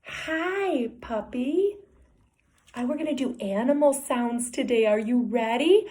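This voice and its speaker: A woman's voice: sits high, animated, takes it slowly, dark tone. A woman teaching toddlers animal names and sounds in a sing-song way, imitating each animal. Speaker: early childhood teacher.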